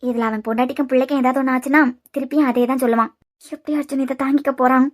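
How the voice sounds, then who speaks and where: Cartoon mother-in-law, woman voicing; sharp-tongued and rapid, Kanyakumari Tamil accent. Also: high-pitched, fairly even intonation. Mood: worried brooding. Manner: scolding, complaining.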